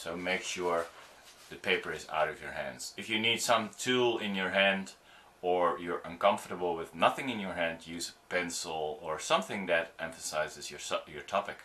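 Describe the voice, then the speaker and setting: Here a middle-aged Dutch man, working as an audiovisual producer, demonstrates performing for the camera in an informal tutorial. He has a deep voice with a bright, forceful tone and a little hiss or hum, and he speaks haltingly, often restarting and saying um.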